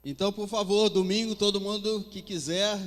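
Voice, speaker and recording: A man preaching a sermon with fervor, his delivery swinging between soft and loud. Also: sits high, fairly even intonation, normal speed. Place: church hall. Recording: long hall reverb with faint music.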